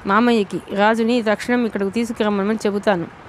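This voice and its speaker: A woman reading an audiobook novel, voicing a caring young man who speaks softly and coaxingly. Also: medium pitch, steady tone, brisk, a little hiss or hum, lightly acted. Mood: firm. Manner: soft, soothing, coaxing. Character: caring young man, gentle and protective cousin.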